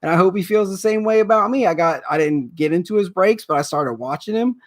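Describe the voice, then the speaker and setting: A man's voice: high voice, fairly quick. A man in his thirties hosting a sports card livestream, rambling and emotional in casual chat. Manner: rambling, emotional, repeats himself. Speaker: sports card breaker host.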